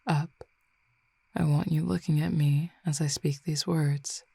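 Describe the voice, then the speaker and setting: Playing a commanding fallen Cupid who teases the listener and is not human, a woman performs a full character voice in an audio roleplay: low, dark and rough-edged, with fairly even intonation. She explains things calmly, slow and intimate, with stretches of soft whispering. The recording is dry.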